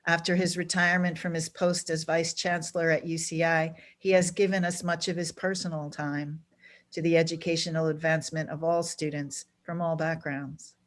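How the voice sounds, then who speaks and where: A woman's voice: deep voice, little pitch movement, moderate pace. A woman hosting and introducing speakers at an online event over a video call, speaking earnestly with small restarts. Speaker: program director and event host. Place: home or office on a video call.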